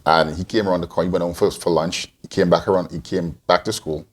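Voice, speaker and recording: A man's voice: sits low, steady tone, fast. A man in his forties, from Guyana and raised in Antigua, answering interview questions as a podcast co-host, rambling with many restarts. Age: 40s.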